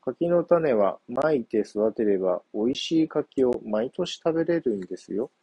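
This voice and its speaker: A man's voice: mid-range voice, expressive, a little slow, mellow, slightly rough, dry recording. A man voicing a hungry, sly young male monkey in a children's story, whiny and boastful.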